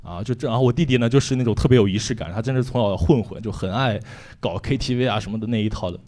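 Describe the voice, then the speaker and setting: A man's voice: mid-range voice, quick pace, mellow. A young man from Shanxi doing a frank, rambling, self-mocking stand-up set with lots of fillers. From Shanxi, China. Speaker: stand-up comedian.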